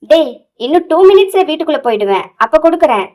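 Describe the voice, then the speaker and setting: A woman's voice: high-pitched, big pitch swings, fast, pitched above the performer's own voice. A woman voicing a hot-tempered young husband who demands answers, in an audio novel. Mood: heated. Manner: shouting, demanding.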